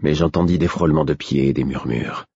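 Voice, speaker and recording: A man reading a first-person story aloud in a measured, grave narration. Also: rumbling low, warm tone, slightly rough, no echo. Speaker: audiobook narrator. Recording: dry, slightly dull recording.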